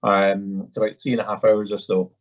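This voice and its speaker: Hosting an informal live question-and-answer session, a man from Edinburgh speaks with a local Scottish accent in a lowish voice that barely shifts in pitch and runs a little fast. He comes across as polite and conversational, if hesitant. The audio is dull and slightly muffled.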